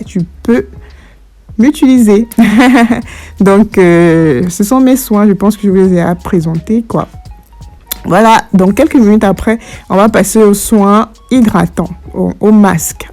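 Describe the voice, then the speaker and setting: Mellow-voiced woman chatting through a hair tutorial. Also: medium pitch. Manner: informal, addresses viewers directly. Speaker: hair care vlogger. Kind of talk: casual chatty tutorial narration. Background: faint background music.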